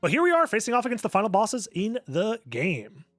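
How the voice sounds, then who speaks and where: A man's voice: high-pitched, huge pitch swings, fairly quick, fairly bright tone, dry recording. A man giving casual speedrunner commentary, explaining his play analytically, step by step. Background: music under the voice.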